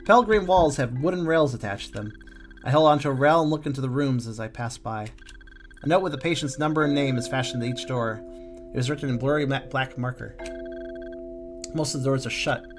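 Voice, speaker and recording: Calm man reading a text game aloud. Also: mid-range voice, fairly quick, soft background music. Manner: calm, musing reading with small slips.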